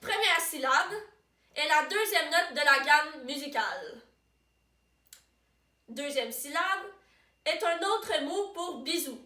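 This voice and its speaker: A woman playing a chipper quiz co-host who reads questions slowly and deliberately. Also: sits high, lively intonation, pushed and bright, heavily acted. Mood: playful. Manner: deliberate, slow question reading. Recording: roomy sound, far from the mic.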